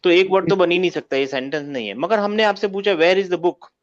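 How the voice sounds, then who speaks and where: A man's voice: sits high, a little fast. A man teaching an online grammar class, often asking his students to confirm they follow. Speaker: Arabic teacher. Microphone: video call. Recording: muffled lo-fi call audio.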